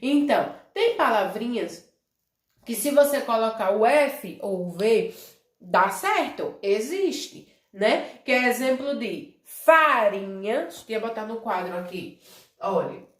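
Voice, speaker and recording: In a lively, slightly high voice with a roomy acoustic, a Brazilian woman teaches a review lesson to young children as their primary school teacher. Calling herself "tia," she follows almost every phrase with a check like "né?" or "certo?" and stretches syllables to model words, all in a Brazilian Portuguese accent.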